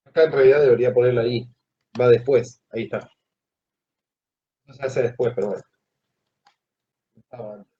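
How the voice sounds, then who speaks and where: A male teacher giving a classroom lecture, who asks the students questions and pauses mid-phrase. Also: mid-range voice, steady tone, slightly rough. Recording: dull lo-fi classroom recording.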